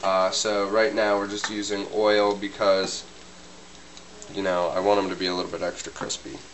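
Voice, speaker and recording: Playing a relaxed young Polish man who cooks on camera and umms his way hesitantly through an amateur comedy sketch interview, a man talks at normal speed in a natural, level, lowish voice. The home-kitchen footage, captured by a distant camera mic, sounds roomy and hissy.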